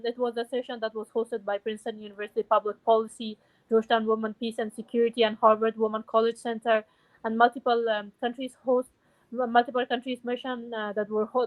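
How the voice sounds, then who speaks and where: A woman's voice: on the high side, dry recording, phone-quality sound. Young woman from Afghanistan, earnest guest, dry booth. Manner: earnest, many fillers. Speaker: podcast guest, activist. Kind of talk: casual interview talk.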